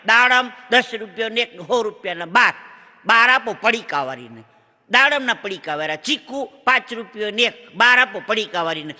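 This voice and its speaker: A high, very bright, forceful male voice with a lilt, telling a string of comic stories to a live crowd. He is a punchy joke-teller who slips into bits of dialogue as he goes. His voice rings out with the long reverb of a large hall. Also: animated, normal speed. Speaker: stand-up comedian. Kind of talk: Gujarati comic storytelling on stage. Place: stage before a live audience in a large hall.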